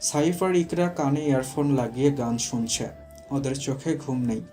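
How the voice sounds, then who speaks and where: A man narrating a romantic audio story in a steady storytelling manner. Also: mid-range voice, normal speed, faint music behind.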